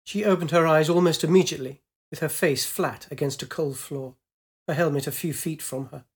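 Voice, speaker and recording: A man's voice: a little high, steady tone, a little fast, breathy edge. Man narrating a space story. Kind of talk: storybook reading.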